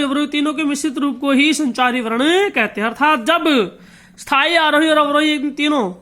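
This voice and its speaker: In a high-pitched, pushed and bright voice, a male music teacher gives a spoken lesson, explaining each term slowly and repeating it. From time to time he sings long, drawn-out sargam notes as examples.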